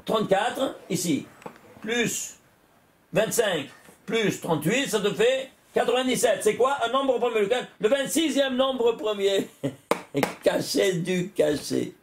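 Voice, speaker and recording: Man with a high voice teaching a Torah class. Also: lively intonation, takes it slowly, slight background noise. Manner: quizzing listeners with rhetorical questions; working through sums aloud. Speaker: rabbi.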